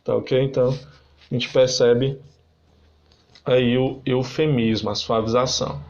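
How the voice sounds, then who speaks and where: A man's voice: mid-range voice, lo-fi sound. A man teaching a lesson on figures of speech, explaining step by step and often checking in with tag questions.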